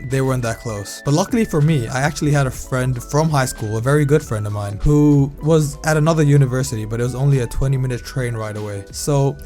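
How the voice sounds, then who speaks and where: A young man from Thailand telling a candid personal story in a relaxed, casual way while playing a game. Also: mid-range voice, fast talker, hardly any pauses, soft background music. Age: young adult. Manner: relaxed, candid, conversational, reacts loudly during gameplay. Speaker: vlogger. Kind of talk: casual storytime narration over gameplay.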